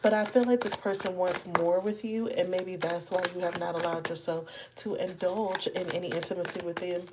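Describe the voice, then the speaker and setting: A woman's voice: fairly low pitch, steady tone, brisk, heavy background noise. A woman giving a live tarot reading, chatting with viewers and calling them y'all and baby. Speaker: tarot reader.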